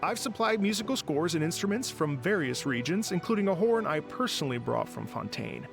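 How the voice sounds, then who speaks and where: A polite, fussy event organizer. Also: male voice, on the high side, very animated, brisk, creaky, over music. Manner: courteous and slightly fussy, with hesitant fillers. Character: polite eager male event organizer, young adult. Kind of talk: video game voice acting.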